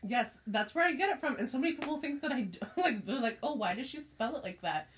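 A woman's voice: high voice, lively intonation, fast, a little hiss or hum. A young woman in casual chat with a friend, laid-back and swearing offhandedly.

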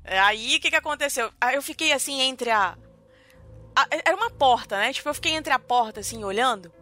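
A young adult woman with a Brazilian Portuguese accent, co-hosting a podcast and telling a story in an animated, dramatic way, full of fillers. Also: sits high, a little fast, soft background music. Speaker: podcast co-host. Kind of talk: casual storytelling chat.

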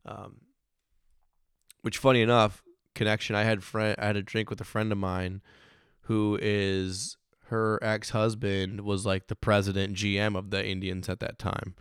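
A man in his thirties from Michigan, hoarse from losing his voice, chatting casually in a rambling, self-interrupting way with frequent laughs. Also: on the low side, level tone, measured pace, no echo, clean studio sound. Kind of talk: casual chat.

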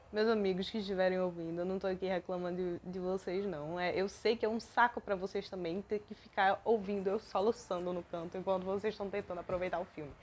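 A young woman with a Brazilian accent talks alone into the mic for her podcast. Her talk is rambling and self-deprecating, and she gets emotional easily. Her pitch sits in the middle for a woman. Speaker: podcast host. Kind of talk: personal monologue podcast.

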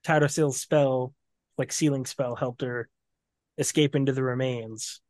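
A man's voice: mid-range voice, steady tone, unhurried, darkish tone, dry recording. A man co-hosting a casual book discussion podcast, recapping scenes and reading quotes aloud. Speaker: podcast co-host.

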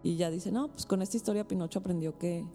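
A Mexican woman hosting a casual podcast, retelling a story in a loose, slangy ramble. Her voice is dark and mellow, with faint music behind. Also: fairly low pitch, fast. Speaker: podcast host.

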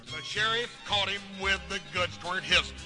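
Man doing big ranch son, folksy drawl, high-pitched, singing with music behind. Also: moderate pace, close to an everyday voice. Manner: folksy drawl, sings comic ballad. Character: big good-natured grown son on a ranch. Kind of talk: old-time western musical episode.

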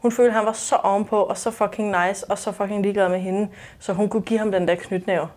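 A woman co-hosting a podcast, chatting casually in an animated way, swearing freely. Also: mid-range voice. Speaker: podcast co-host. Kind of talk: casual chat.

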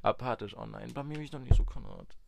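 A man's voice: medium pitch, quick pace, gravelly, background noise. A man co-hosting a casual podcast, teasing his friend with crude banter and mock self-deprecation. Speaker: podcast co-host. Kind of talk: casual chat.

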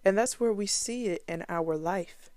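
A woman's voice: medium pitch, a little slow, darkish tone, dry recording, studio quality. A woman giving a casual Bible teaching to her viewers, earnest and conversational, with fillers and restarts along the way.

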